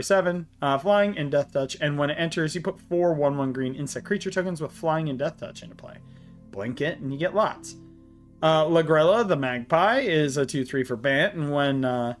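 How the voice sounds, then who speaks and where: A man hosting a card game channel, walking through a deck and reading card text aloud in a halting way, short of breath. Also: a little high. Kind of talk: deck tech walkthrough.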